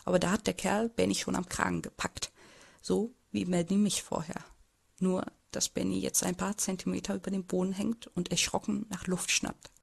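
A shy, downtrodden teenage boy, as a woman voices him tells his story in an amateur audio drama. The voice has a strongly gravelly, husky texture. The narration is hesitant and subdued. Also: fairly low pitch, fairly even intonation, normal speed, full character voice.

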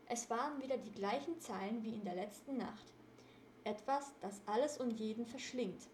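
A woman reading a story aloud in a steady narrating voice. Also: a little high, normal speed, slight background noise. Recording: roomy echo.

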